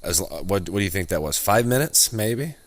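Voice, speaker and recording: A man's voice: lowish voice, lively intonation, fairly quick, crowd noise. A young man co-hosting a podcast in casual chat, loose and profane, rambling and restarting his sentences. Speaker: podcast co-host.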